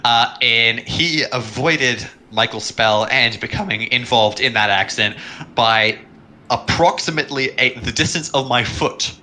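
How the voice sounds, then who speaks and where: A man from Canada commentating a sim race, chatty and quick with punning asides. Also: medium pitch, sharp tone.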